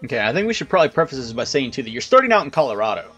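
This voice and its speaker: A man's voice: medium pitch, big pitch swings, very fast, fairly bright tone, faint music behind. A man hosting a casual video interview, chatting informally and wordily with some swearing. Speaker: host of a video channel.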